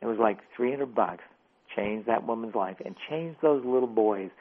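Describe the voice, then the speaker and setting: A man calling in as a radio guest, an animated, casual storyteller. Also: mid-range voice, normal speed. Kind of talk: phone-in interview storytelling. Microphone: telephone. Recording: tinny phone line.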